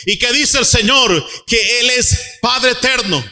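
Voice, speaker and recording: High, bright-voiced fervent male preacher. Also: a little slow, faint music behind. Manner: fervent preaching, rising to shouts. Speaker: pastor. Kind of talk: sermon. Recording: long church hall reverb.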